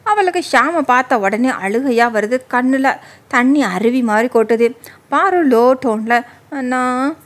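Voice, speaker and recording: A woman's voice: fairly high pitch, expressive, a little slow. A woman narrating a serialized story in a casual reading style, mixing in English words and voicing every character's lines in her own voice.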